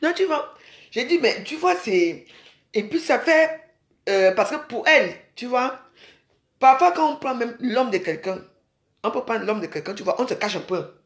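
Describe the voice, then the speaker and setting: A woman's voice: on the high side, animated, normal speed. Chatty woman in an echoey room. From Cameroon. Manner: chatty, addresses viewers as sisters. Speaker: vlogger. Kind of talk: casual rambling monologue.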